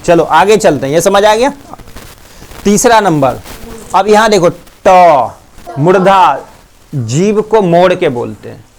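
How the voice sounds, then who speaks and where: Higher-pitched man teaching in a slow Bihari drill. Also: expressive. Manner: drills sounds slowly, quizzes students often. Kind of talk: classroom Hindi pronunciation lesson.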